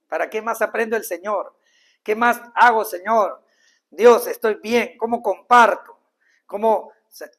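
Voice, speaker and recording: Gravelly guy preaching, fairly high voice, goes loud then real soft. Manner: earnest, with sudden loud rises and soft drops; acts out little dialogues in changed voices. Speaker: pastor. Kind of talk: sermon.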